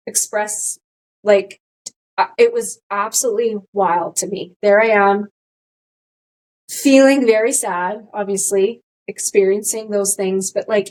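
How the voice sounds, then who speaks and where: A middle-aged woman co-hosting a podcast, speaking at an ordinary middle pitch. She rambles in casual chat and often restarts her sentences. She acts out her own thoughts as little quotes. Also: rough recording. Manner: rambling, restarts often, animated quoting of herself. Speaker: podcast co-host.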